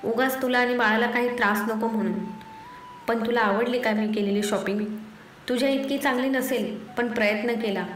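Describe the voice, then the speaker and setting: A woman voicing a gentle, reassuring young man in a spoken love story, talking softly and apologetically. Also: on the high side, steady tone, normal speed, lightly acted. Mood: tender. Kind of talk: storytelling audiobook dialogue. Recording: echoey room, faint noise.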